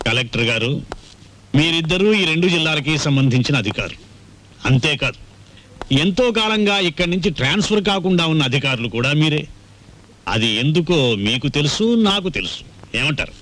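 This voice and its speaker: Tight-fisted landlord villain, menacing, quick-spoken, slightly high voice, film score underneath. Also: male voice, expressive, fairly bright tone. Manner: cold, commanding and threatening. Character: greedy, domineering rich male landlord villain. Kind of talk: old film dialogue.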